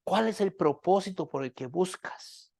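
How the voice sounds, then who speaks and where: A preacher delivering a sermon, firing rhetorical questions at the listeners, checking in with a repeated tag question, and dropping to hushed tones for emphasis. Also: mid-range voice, animated, measured pace, creaky, no room sound, clean studio sound. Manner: keeps asking the congregation rhetorical questions; loudness swings widely, dropping to hushed lines.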